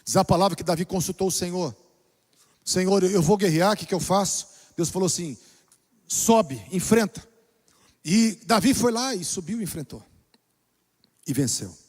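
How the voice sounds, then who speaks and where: A pastor with a high voice preaches in a church. He drops to soft, low lines and then rises to loud exclamations. A long reverb from the hall trails every phrase. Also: lively intonation, moderate pace, pauses often. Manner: preaching with dramatic shifts between soft and loud. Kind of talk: sermon.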